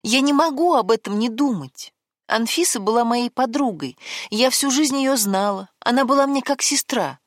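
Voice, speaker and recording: A woman voicing a worried young woman who gently but persistently presses her partner, in an audiobook. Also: fairly high pitch, animated, moderate pace, no room sound, clean studio sound, voice pushed up, natural voice. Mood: pleading.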